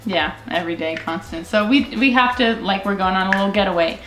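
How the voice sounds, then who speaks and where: A woman in her twenties, a family vlogger, chatting casually to camera and sometimes lifting into a high sing-song voice for her toddler. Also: fast, a bit bright. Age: 20s. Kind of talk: casual vlog chat. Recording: roomy home recording with faint music.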